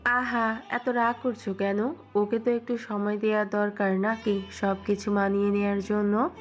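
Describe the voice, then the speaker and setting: A woman voicing a gentle, soothing middle-aged mother who speaks mildly. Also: mid-range voice, level tone, a little slow, soft background music, pitched below the performer's own voice, close to an everyday voice. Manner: soothing, mild.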